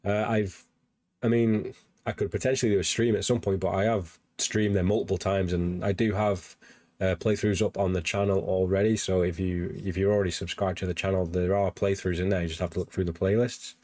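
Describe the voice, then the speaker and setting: Low-voiced male podcast host, rambling and eager, a bit worn, dry close sound. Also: level tone, a little fast, darkish tone, no echo. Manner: rambling and eager, many fillers and restarts. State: slightly losing his voice. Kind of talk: casual gaming news chat on a livestream.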